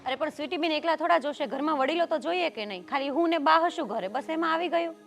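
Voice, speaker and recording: An actress with a Gujarati accent, playing an insistent, practical housewife. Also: female voice, high voice, fast. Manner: insistent, scolding. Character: firm, practical housewife, woman. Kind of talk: Gujarati family drama acting.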